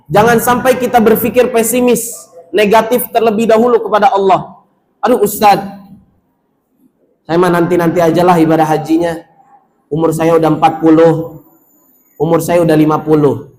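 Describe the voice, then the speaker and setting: A man's voice: sits high, a little mellow. A man preaches to pilgrims in a mosque. He urges them on, acts out their doubts, and chants Arabic passages. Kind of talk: sermon to pilgrims.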